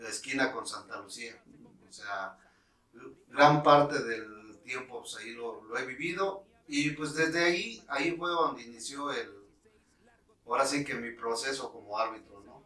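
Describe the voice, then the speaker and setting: A man in his fifties from Mexico, a guest telling in a relaxed way, with many fillers, how he became a referee. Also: medium pitch, unhurried, reverberant, far from the mic, rough recording. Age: 50s. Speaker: guest, former futsal referee. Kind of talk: casual interview storytelling.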